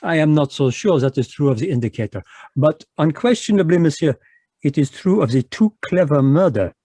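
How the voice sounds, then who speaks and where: Over a live video call from home, a male actor plays a fussy, precise Belgian detective in a radio play styled after the 1940s. He puts on a French accent and sounds courtly and lecturing, dropping in French words. His voice is on the high side, animated, fairly quick and mellow, with no room sound.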